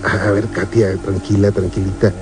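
An actor playing a calm radio host of the paranormal, who talks a frightened caller down in a gentle, coaxing way. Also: male voice, fairly low pitch, normal speed, music in the background, lightly acted. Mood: soothing. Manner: soothing, coaxing.

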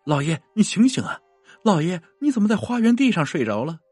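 A man's voice: high voice, sing-song, a little fast, a little mellow, husky, dry recording, soft background music, pitched above the performer's own voice, exaggerated voice. A man voicing an anxious middle-aged noblewoman, the squire's wife, who talks urgently and fretfully.

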